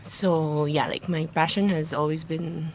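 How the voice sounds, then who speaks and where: Young filipino woman, deep for a woman, explains things calm and friendly, kinda dull lo-fi sound. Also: unhurried, slight background noise. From the Philippines. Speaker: guest, volunteer program officer. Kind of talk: radio studio interview. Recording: slightly dull lo-fi studio audio.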